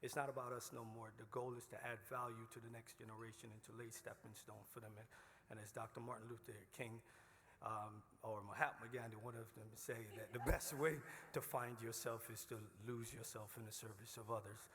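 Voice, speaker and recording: A man from Barbados with a Barbadian accent, giving an earnest, halting acceptance speech in which he repeats himself. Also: medium pitch, flat delivery, fairly bright tone. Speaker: award recipient. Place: hotel banquet room. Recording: reverberant hall, faint noise.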